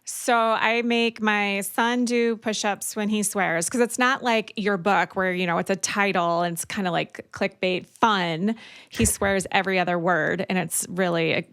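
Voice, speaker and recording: A woman co-host on a casual podcast with a mid-range voice. She tells stories bluntly and with lively energy, speaking plainly. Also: mid-range voice, unhurried, clean tone. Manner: blunt, animated storyteller. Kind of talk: casual chat.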